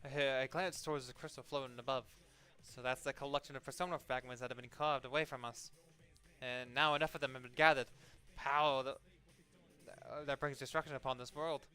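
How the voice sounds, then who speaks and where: Bright, sardonic man doing game commentary. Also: mid-range voice, fairly even intonation, brisk, clear, resonant tone, soft background music. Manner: sardonic, sweary. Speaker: let's play host. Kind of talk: casual game commentary and reading game text aloud.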